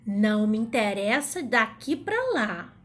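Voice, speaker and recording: A woman teaching a grammar lesson in a playful manner, sometimes calling out words loudly to find the stressed syllable. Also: medium pitch, expressive, a little slow.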